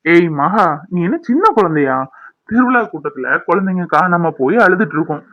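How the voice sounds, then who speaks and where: A man's voice: high voice, animated, normal speed, no room sound, lo-fi sound. A man voicing an anxious, doting young husband in a cartoon, earnest and reassuring. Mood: soothing. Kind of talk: cartoon voice acting.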